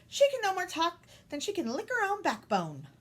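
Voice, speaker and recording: A woman's voice: extremely high pitch, huge pitch swings, normal speed, fairly bright tone, pitched above the performer's own voice, full character voice. A woman voicing a spiteful, disapproving elderly royal aunt who cackles and mutters shrilly in a storybook reading. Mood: scornful.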